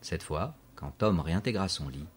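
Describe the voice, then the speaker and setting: A man narrating a storybook in a measured, scripted audiobook delivery. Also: deep voice, expressive, slight background noise.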